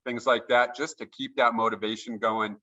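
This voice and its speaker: A man's voice: mid-range voice, flat delivery, normal speed, pushed and bright, highs cut off. A man chatting keenly as a guest over a video call, often restarting his sentences. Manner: enthusiastic, with frequent restarts. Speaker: guest note investor. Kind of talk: casual interview chat.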